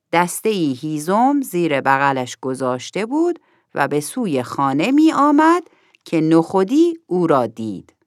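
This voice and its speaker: A woman narrating a children's story in an expressive storytelling manner. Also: on the low side, no echo, studio quality.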